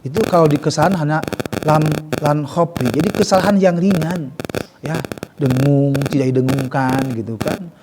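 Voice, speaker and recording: A man teaching Quran recitation. He explains in slow, drawn-out speech, says "gitu kan" often, and sounds out verses syllable by syllable. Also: on the high side, background noise. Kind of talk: tajwid lesson with recited examples. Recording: reverberant hall.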